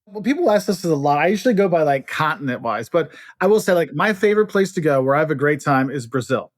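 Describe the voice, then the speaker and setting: His voice is a little high and quick: a middle-aged American travel expert from Illinois, speaking as a guest in a casual interview. The recording is clean studio sound with no room noise, and he tells lively anecdotes, voicing the dialogue himself.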